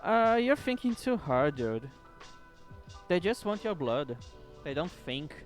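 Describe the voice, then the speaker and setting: Streaming a game late at night, a man chats casually with viewers, swearing offhandedly and rolling his R's distinctively. His voice is a little high and very animated but slow, with faint music in the background.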